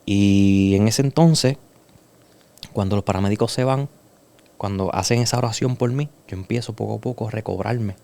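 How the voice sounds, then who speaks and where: A Puerto Rican man giving an earnest, emotional personal testimony as a guest in a conversation, dropping soft and slow at heavy moments. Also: on the low side, gravelly. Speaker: podcast guest.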